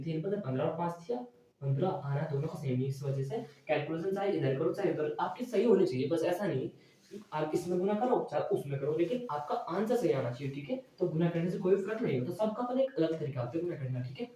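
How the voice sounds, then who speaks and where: A male math teacher lecturing in a classroom style, asking his students questions and answering them himself, often checking with a quick "okay". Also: on the high side, lively intonation, warm tone. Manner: repeats "theek hai" as a check. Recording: very echoey room, mic far away.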